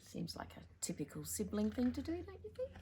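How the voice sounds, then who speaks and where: Brisk and high-pitched, this woman's mellow voice leaps through huge pitch swings as she reads picture books for a storytime. She is playful and theatrical, stressing words dramatically and chatting to the kids along the way. A slight hiss or hum can be heard.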